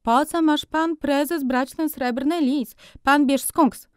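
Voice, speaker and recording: A woman voicing a fawning, pushy male furrier who pitches his wares in broken, wheedling patter. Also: slow pace, no echo, clean studio sound.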